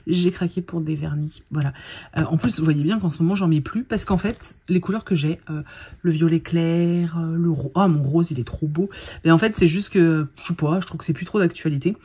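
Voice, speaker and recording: Woman vlogger, tired and chatty, husky low-key voice, casual product chat to camera. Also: normal speed, warm tone. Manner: chatty, colloquial, lots of fillers and restarts.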